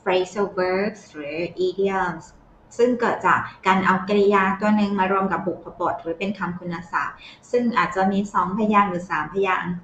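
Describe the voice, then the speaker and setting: A woman teaching English, explaining everyday phrases patiently and reading English lines slowly. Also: medium pitch, a bit bright, slight background noise. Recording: echoey, slightly dull sound.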